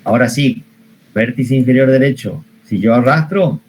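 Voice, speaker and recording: A man's voice: medium pitch, moderate pace, a little mellow, rough recording. Patient Argentine male teacher, online class, faint room hum behind, quizzes his students. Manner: patient, repeats steps, asks the class questions. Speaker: computer science teacher. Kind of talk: online spreadsheet lesson.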